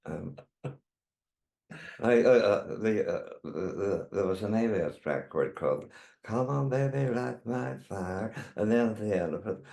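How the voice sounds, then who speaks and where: A man's voice: lowish voice, measured pace, creaky, warm tone. An older man with a Northern Irish accent, a drag performer reminiscing in a rambling, chatty way as an interview guest. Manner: rambling, chatty storytelling with repeated tags. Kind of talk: casual reminiscing chat. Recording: echoey room.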